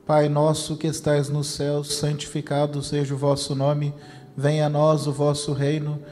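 A man with a Brazilian Portuguese accent reciting the rosary in a steady chant. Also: on the high side, normal speed. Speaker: rosary prayer leader. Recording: long reverb with faint noise.

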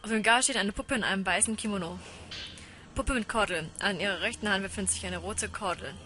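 A woman chats casually through a horror game and reads its text aloud. Her voice is bright and sharp. When she gets scared she chants the same word over and over in a panic. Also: medium pitch, fast talker, slight background noise. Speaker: let's play gamer. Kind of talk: casual live game commentary.

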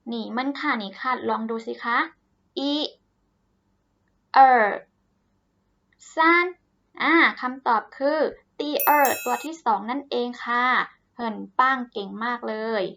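A woman teaching a language lesson to children, cheerful and encouraging, saying words slowly and repeating them for pupils to copy. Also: on the high side, a bit bright, dull audio, a little hiss or hum.

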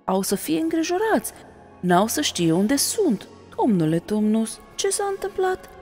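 A kind young girl in a storybook, pleading and urgent, as a woman narrator puts her on. The voice sits high and rings with a long hall reverb. Soft music plays faintly behind. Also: very animated.

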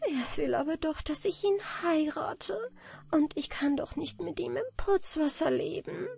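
A woman voicing an indignant young servant girl in a storybook, speaking raised and lively. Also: high voice, racing, vocal fry, voice pushed up. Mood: plaintive.

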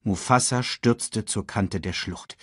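Man, audiobook narrator, slow, lively pitch, dry close recording. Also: dry recording. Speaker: audiobook reader. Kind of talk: storybook narration.

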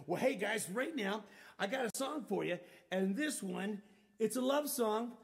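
A man's voice: sits high, animated, slow pace, gravelly. A man performing as a children's musician, leading a playful, upbeat live-streamed sing-along for kids. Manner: playful, upbeat, calls out to young listeners. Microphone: live-stream microphone. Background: loud acoustic guitar.

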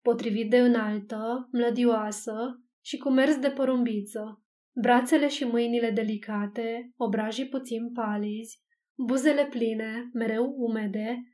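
A woman narrates an audiobook of a classic novel. Her reading is steady and unhurried, and her voice sits slightly above the usual pitch.

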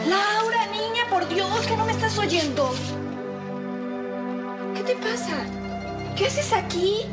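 An actress playing a strict, impatient mother who scolds in an exasperated way. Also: sits high.

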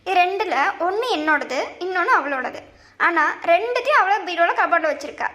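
A woman's voice: extremely high pitch, expressive, fairly quick, sharp tone, reverberant, full character voice. A woman voicing a sulky teenage daughter in a cartoon, complaining and whining to her mother. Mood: whiny. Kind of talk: cartoon family drama.

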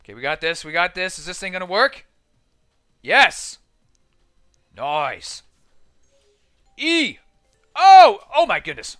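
A man narrating his own gameplay in a casual, chatty way, quick to exclaim and to poke fun at himself. His voice sits high and bright, with lively leaps up and down in pitch. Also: soft background music. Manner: excitable, chatty, self-deprecating, lots of exclamations; talks to himself while playing on a keyboard. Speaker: gaming video host. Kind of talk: casual let's-play commentary.

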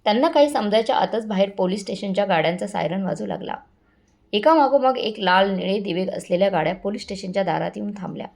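A woman's voice: medium pitch, lively intonation, quick pace, gravelly, darkish tone. A woman reading a dramatic story aloud and speaking every character's lines in much the same voice. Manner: addresses listeners as friends, reads all characters' lines in near-natural voice. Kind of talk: scripted story narration.

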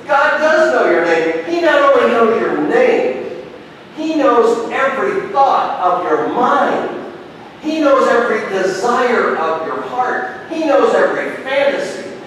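Middle-aged pastor preaching in a reverberant church. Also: male voice, big pitch swings, takes it slowly. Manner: storytelling preacher, swings from booming emphasis to hushed tones. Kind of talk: sermon. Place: large church sanctuary, at a pulpit. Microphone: pulpit gooseneck mic. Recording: echoey church hall from a distance, with rumble.

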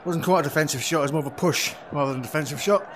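A man giving relaxed, chatty running commentary on his own play in a VR cricket game, with quick exclamations. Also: a little high. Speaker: gaming video creator. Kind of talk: live commentary while playing a VR cricket game. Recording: steady background noise.

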